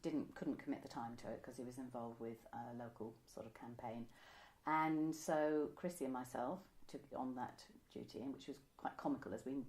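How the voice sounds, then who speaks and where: Seated indoors by a window, an older woman who writes amateur pantomime reminisces casually in an interview, chatty and often correcting herself. Her voice is extremely low-pitched and a little mellow.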